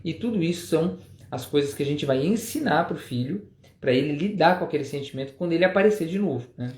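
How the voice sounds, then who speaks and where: A man's voice: on the high side, animated, quick pace, a little mellow, reverberant. A man co-hosting a parenting talk, explaining things in a casual way with lots of tag questions. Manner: explanatory, many "né?" tags. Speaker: parenting show co-host, father. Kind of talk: casual couple conversation.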